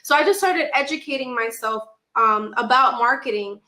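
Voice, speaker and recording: A young actress and content creator from the Dominican Republic and New York City chats as a guest on a casual conversational interview, telling stories with animation and acting out things she once said. Her voice is high and bright, her pace moderate. The recording is poor, with an echoey room.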